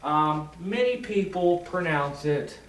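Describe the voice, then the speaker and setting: Guy giving a slow rambly lecture, lots of ums, sounds far off from the mic in an echoey room. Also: fairly high pitch, animated. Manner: rambling, self-correcting, filler-heavy. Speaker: esoteric teacher. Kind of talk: casual explanatory lecture.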